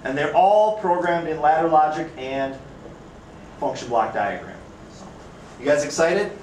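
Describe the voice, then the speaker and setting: The instructor sounds animated yet a little slow, his somewhat mellow voice on the high side, with a little hiss or hum. An Upper Midwest American man, he lectures casually and chattily, frequently posing questions to the class. He's recorded from afar in an echoey classroom.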